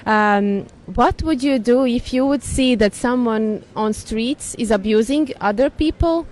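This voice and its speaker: A woman with a slightly high voice politely thanks a passer-by and asks one more question. She sounds courteous and a bit loud. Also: measured pace. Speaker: interviewer. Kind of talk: street interview questions.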